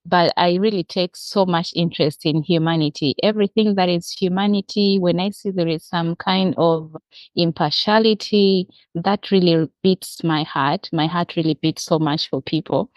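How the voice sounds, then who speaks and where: A social worker from Uganda, speaking with a Ugandan accent, earnestly explains her work as an interview guest. Her voice is lowish and steady at a moderate pace. The recording is dry, with dull, muffled lo-fi call audio.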